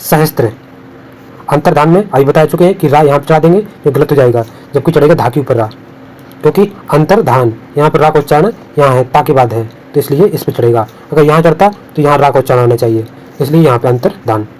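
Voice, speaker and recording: Man drilling Hindi spellings, fairly high voice. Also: a little fast, darkish tone, poor audio. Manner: repetitive, drills words and warns of exam traps. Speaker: Hindi exam tutor. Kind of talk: spelling lesson over on-screen notes.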